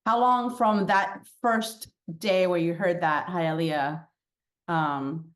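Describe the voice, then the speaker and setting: A woman's voice: on the low side, slow pace. A woman hosting a podcast in a casual, upbeat way, laughing often and dropping Spanish words into her talk. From Miami, Florida. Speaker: podcast host. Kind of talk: casual interview. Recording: roomy echo.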